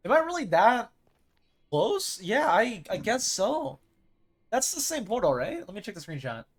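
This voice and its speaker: Rambling streamer with a lively voice. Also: mid-range voice, unhurried. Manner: rambling, thinks aloud while playing. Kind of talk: casual live gameplay chat.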